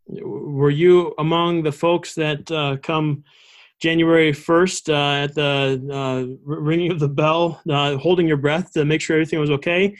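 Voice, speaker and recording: Male interview host, voice a touch high, halting and rambling conversational delivery. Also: fairly even intonation. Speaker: show host.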